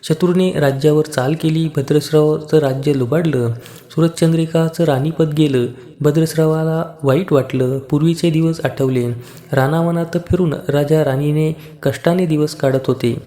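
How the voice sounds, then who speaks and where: A man narrating a devotional story in steady, rhythmic short phrases. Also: a little high, moderate pace.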